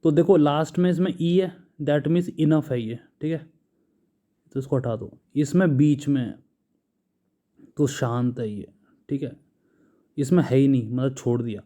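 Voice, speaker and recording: A man with an Indian English accent works through vocabulary lists in an unhurried, drawn-out way. His voice is notably dark and mellow, and he pauses patiently after each word. He sounds like a teacher explaining each term at a steady, careful pace. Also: mid-range voice. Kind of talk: explaining English words in Hindi.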